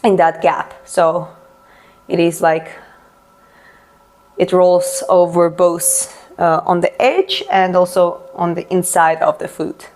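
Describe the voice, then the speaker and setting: This woman from Georgia, a native Russian speaker, has a fairly low, steady, slightly mellow voice and talks slowly. She chats casually on a live stream, answering viewer comments and explaining things while she stretches, often restarting her sentences.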